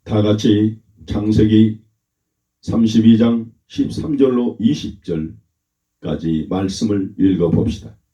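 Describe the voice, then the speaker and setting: A man, a pastor, delivering a sermon in a slow, emphatic way and asking the congregation to repeat after him. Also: fairly low pitch, steady tone, warm tone. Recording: roomy, dull lo-fi church recording.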